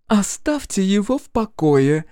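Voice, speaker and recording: A man's voice: sits high, very animated, a little slow, mellow, no room sound, studio quality, pitched above the performer's own voice. A man reading a story aloud, voicing a domineering middle-aged mother who speaks curtly and imperiously. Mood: haughty. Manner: curt, imperious, clipped.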